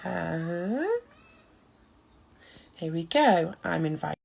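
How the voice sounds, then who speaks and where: A woman's voice: fairly low pitch, lively intonation, drawn-out words, gravelly, a little mellow, breathy edge. A woman hosting a casual video call interview, chatty and giggly with lots of fillers. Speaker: host.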